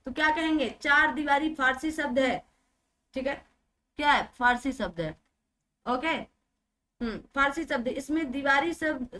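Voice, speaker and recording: Woman, young adult, high-pitched, grammar teacher, brisk, repetitive drilling, rhetorical questions. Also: sharp tone. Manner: brisk, drills words, repeats them, asks rhetorical questions. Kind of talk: exam-prep grammar lesson.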